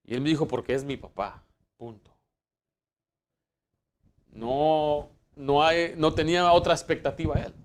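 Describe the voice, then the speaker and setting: A man delivers a church sermon with a voice that sits a little high. He hammers his points emphatically, then sinks into hushed asides, often restarting his sentences as he goes. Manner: emphatic preaching, rising for Bible quotes and dropping to hushed asides; fillers and restarts. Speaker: pastor.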